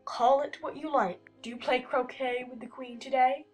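A woman's voice: high voice, fairly even intonation, moderate pace, soft background music. A woman playing a mad, teasing talking cat who speaks in matter-of-fact riddles in a dramatized audiobook.

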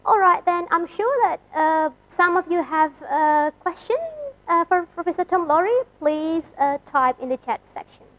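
High-voiced woman moderating a session. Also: normal speed, highs cut off. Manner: polite, with frequent uh fillers. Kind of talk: conference moderation.

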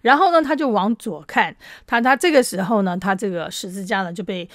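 A woman's voice: mid-range voice, a little fast, dry recording, clean studio sound. Chatty woman teaching a Bible lesson. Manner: chatty, explanatory, frequent tag particles.

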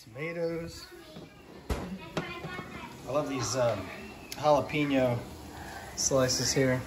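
Cooking fish in his home kitchen, a fishing vlogger in his forties chats on a handheld phone recording with a noisy background. He speaks extremely slowly in a mid-range voice, staying relaxed and chatty.

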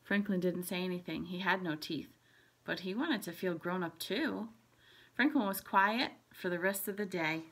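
A woman's voice: fairly low pitch, normal speed. Woman reading a picture book aloud. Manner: gentle, explains the pictures. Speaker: pre-K teacher.

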